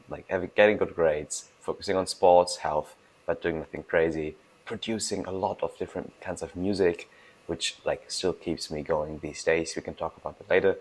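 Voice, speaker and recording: A young man from Germany, a startup founder giving casual interview answers, talking fast with restarts and emphasis. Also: deep voice, gravelly, rough recording. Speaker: guest, food startup founder.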